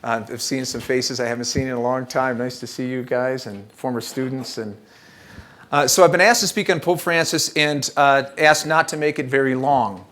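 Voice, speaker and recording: A man's voice: medium pitch, normal speed. Middle-aged man, joking keynote speaker. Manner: relaxed, joking, storytelling with frequent fillers. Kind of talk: conversational keynote talk with storytelling. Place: church event space.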